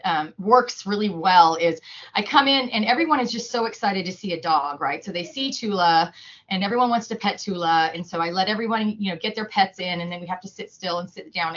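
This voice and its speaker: A woman's voice: mid-range voice, a bit bright, dull audio. A woman who works as a humane educator, talking casually in an interview, chatty with lots of fillers and restarts. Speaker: humane educator at an animal shelter.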